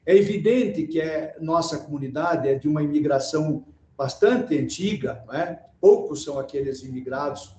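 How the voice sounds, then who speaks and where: A man's voice: fairly high pitch, animated, normal speed, few pauses, mellow. A man born in Italy answering in a panel discussion, wordy, rephrasing and adding tag questions. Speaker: panel guest. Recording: echoey room sound.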